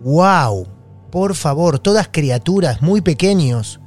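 Excited Argentine podcast host. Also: male voice, fairly high pitch, slow pace, soft background music. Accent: Argentine, Rioplatense. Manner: enthusiastic, reacting with short exclamations. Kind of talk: interview.

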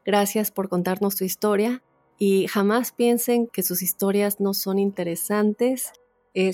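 A woman podcast host calmly reading a listener's paranormal story aloud and then commenting on it. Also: medium pitch, no echo.

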